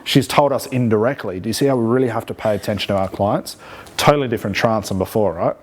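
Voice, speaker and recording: Male instructor, lowish voice, conversational teaching delivery with frequent check-in questions. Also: quick pace, slight background noise. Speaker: hypnosis instructor. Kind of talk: live teaching demonstration with commentary.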